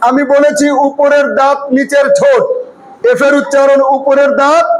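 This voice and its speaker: A man from Bangladesh teaching English pronunciation, drilling a class with loud call-and-repeat. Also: extremely high pitch, monotone, moderate pace. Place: classroom with students. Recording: loud crowd and noise in a classroom.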